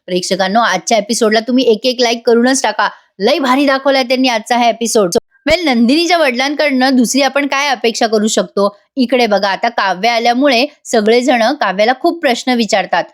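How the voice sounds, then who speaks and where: A woman's voice: on the high side, fairly quick, few pauses. A woman recording a chatty voice-over review of a TV serial episode, talking directly to her viewers.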